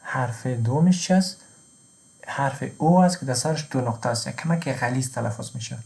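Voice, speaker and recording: A man with an Afghan Dari accent, teaching a slow language lesson who says each example word twice and then translates it. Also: mid-range voice, gravelly, darkish tone.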